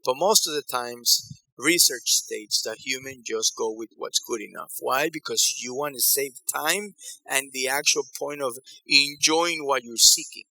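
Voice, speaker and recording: A man from Ecuador runs a conference breakout session on decision-making, speaking conversationally and repeating phrases for emphasis as a workshop facilitator. His medium-pitched voice is gravelly and sharp in tone, a little slow, captured in a dry, low-quality recording.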